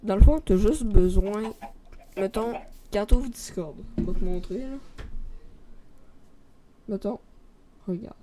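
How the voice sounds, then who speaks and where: A woman's voice: medium pitch, slow, long pauses, background noise. A woman with a Québécois accent streaming a video game, chatting informally and in a rambling way straight to a viewer. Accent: Québécois French. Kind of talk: casual live stream chat.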